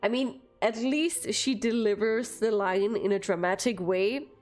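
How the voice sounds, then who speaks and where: A woman from Denmark streaming, chatting casually in an unhurried way, giggling often and swearing here and there. Faint music sits low behind her voice. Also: darkish tone. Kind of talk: casual livestream chat.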